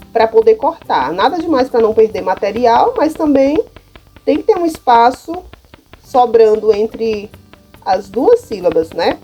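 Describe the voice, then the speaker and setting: This primary school teacher from Brazil has a somewhat high voice with a dark tone and a Brazilian Portuguese accent. Casual and talkative, she demonstrates classroom material step by step and keeps checking in with the people listening.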